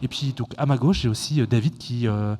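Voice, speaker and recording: A man hosts a casual show in a relaxed, hesitant way, with a mellow voice. The room gives his voice a long reverb. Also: mid-range voice, fairly quick. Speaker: host. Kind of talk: casual interview.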